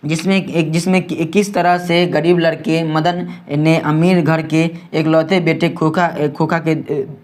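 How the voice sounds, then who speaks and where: A man with a Bihari Hindi accent teaching an exam-prep lesson, rushing through quiz questions and checking in with his students over and over. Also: fairly high pitch, flat delivery, darkish tone. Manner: quick, repetitive, keeps asking "ठीक है?".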